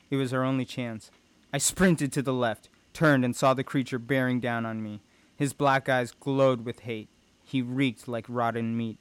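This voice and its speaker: Clear-voiced man narrating an audiobook. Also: medium pitch, no room sound. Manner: tense, dramatic storytelling. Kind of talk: first-person audiobook narration.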